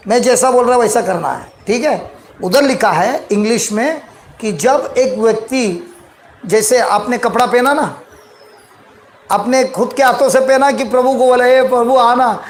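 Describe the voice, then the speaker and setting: A man preaching and leading a congregation in prayer and praise, exhorting them with laughter and repeated calls. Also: very high-pitched. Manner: exhorting, laughing, leads call-and-response. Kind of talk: charismatic sermon leading prayer. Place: large hall with congregation. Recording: echoey hall with crowd noise.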